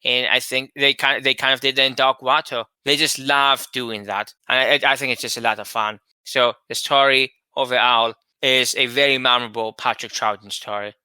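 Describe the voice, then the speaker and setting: Chatty male co-host with a very bright, keen tone and a dry, close sound. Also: mid-range voice, steady tone, moderate pace, hardly any pauses, clear, resonant tone, dry recording. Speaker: podcast co-host. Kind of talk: casual chat.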